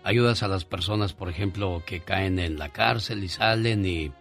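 A man's voice: deep voice, normal speed, gravelly, a bit bright. A man with a Mexican accent hosting casual radio chat, colloquial and often addressing his co-host and listeners directly. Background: faint music.

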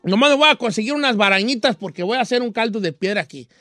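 A man voicing a crafty, hungry male vagabond trickster who calls out loudly and wheedles slyly. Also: high-pitched, animated, fast talker, no echo, soft background music, voice pushed up. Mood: sly wheedling. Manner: loud pleading calls, sly wheedling.

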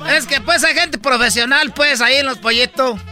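A man's voice: very high-pitched, moderate pace, music in the background. A man telling a rambling comic story on radio in the persona of a boastful country rancher, padding every phrase with fillers and laughing at himself. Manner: rambling, full of fillers like "pues", laughing at his own tale. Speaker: radio comedy host.

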